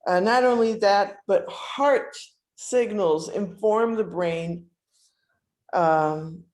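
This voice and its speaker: Slow-speaking woman in a roomy space. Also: mid-range voice, a little mellow. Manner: halting, hesitant, with frequent pauses and throat clearing. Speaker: instructor leading a breathing exercise. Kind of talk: guided relaxation lesson, informal explanation. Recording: roomy, echoing sound.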